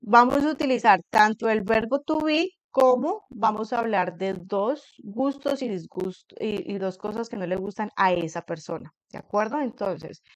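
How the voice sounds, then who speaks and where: A woman teacher explaining a class assignment to her students in a patient way, reading English example sentences slowly and carefully. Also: mid-range voice, no room sound, poor audio. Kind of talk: recorded online class explanation. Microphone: computer screen recording.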